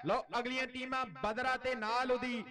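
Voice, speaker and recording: A man's voice: very high voice, level tone, moderate pace. A man with a Punjab accent giving live rural kabaddi commentary, repeating his phrases and announcements. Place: outdoor village sports ground. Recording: loud outdoor crowd behind commentary.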